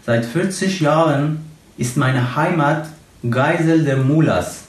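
Slow, solemn young Iranian man, roomy echo. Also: a little high. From Iran. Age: young adult. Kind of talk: prepared political appeal in a video. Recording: roomy echo, far from the mic.

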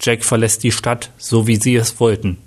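A man's voice: mid-range voice, flat delivery, moderate pace, close to an everyday voice. A man reading a nervous, frightened police chief. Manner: nervous, fearful.

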